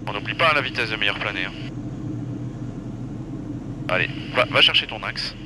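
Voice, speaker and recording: Low-voiced male flight instructor over roaring plane noise. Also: animated, normal speed. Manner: blunt, informal, repeats short commands. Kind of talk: in-cockpit coaching, casual commands. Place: small aircraft cockpit in flight. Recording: very loud aircraft engine noise. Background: loud propeller plane drone.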